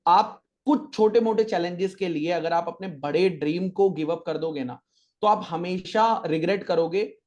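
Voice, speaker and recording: A man's voice: sits high, a little mellow. A man in his thirties, a guest on a podcast, telling stories and giving motivational advice in a casual chat. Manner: chatty, storytelling, motivational. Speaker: podcast guest, chartered accountant teacher.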